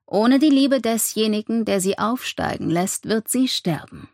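A woman reading an audiobook, voicing a solemn male mystic who speaks quietly and emphatically. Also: on the high side, expressive, measured pace, dry recording, clean studio sound, pitched above the performer's own voice. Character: solemn male seer-like being, quiet and insistent.

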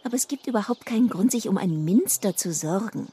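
A woman's voice: mid-range voice, lively intonation, fairly quick, slight background noise, lightly acted. A woman voicing a teasing, secretive young elf girl in a children's story. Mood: teasing knowing. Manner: teasing, secretive, hushed at times.

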